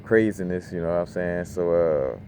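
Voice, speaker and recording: Deep-voiced man, loose slangy spiritual talk. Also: normal speed, darkish tone. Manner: loose, rambling, slangy, lots of "you know what I'm saying". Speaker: crystal channel host. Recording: noisy background hum.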